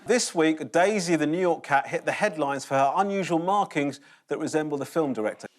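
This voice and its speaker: A man's voice: fairly high pitch, brisk. A man hosting a comedy panel show with dry joking delivery. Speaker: host. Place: TV studio with audience.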